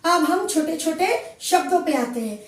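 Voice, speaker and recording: A woman Hindi teacher giving a slow classroom lesson, repeating each word clearly as she spells out sounds. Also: extremely high pitch, expressive, distant mic. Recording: echoey room, voice from afar.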